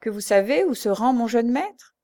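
A woman reading aloud and voicing an anxious, excitable old male servant, raised in pitch and loud. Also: normal speed, lightly acted. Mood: eager. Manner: excitable, pressing questions.

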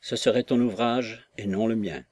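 A man voicing an ill, confused older father who is quick to anger, speaking in short, abrupt bursts in an audiobook reading. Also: on the low side, fairly even intonation, a little mellow, dry recording, close to an everyday voice. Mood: agitated.

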